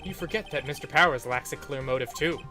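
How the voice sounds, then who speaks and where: A man's voice: medium pitch, fast talker, natural voice. A man playing a confident, argumentative young defense lawyer in a comedic game voice-over, speaking emphatically. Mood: smug. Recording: music behind the voice.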